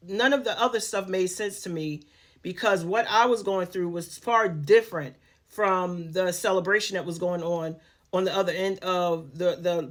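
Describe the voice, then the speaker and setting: A woman telling a personal story in a candid, conversational way, with many fillers and restarts. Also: fairly low pitch.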